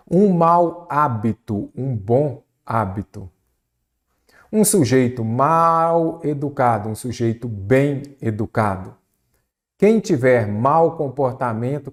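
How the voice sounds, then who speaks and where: A man teaching Brazilian Portuguese spelling for an exam, asking the viewer many quick rhetorical questions. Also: medium pitch. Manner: lively, varied pace, rhetorical questions to the viewer. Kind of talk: exam-prep lesson. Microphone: recorded for an online video lesson.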